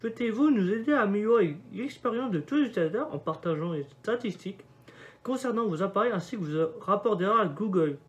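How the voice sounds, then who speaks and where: A man's voice: high-pitched, animated, quick pace. A young man walks through a device setup in a casual commentary. He reads each prompt aloud and mutters offhand remarks between them. The recording sounds like it was made on a phone mic. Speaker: vlogger doing a device setup.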